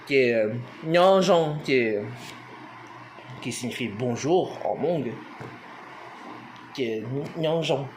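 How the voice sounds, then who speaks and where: A man's voice: mid-range voice, takes it slowly, long pauses, a little hiss or hum. A man giving an informal language lesson, hesitant with many fillers, spelling words out letter by letter. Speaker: language teacher.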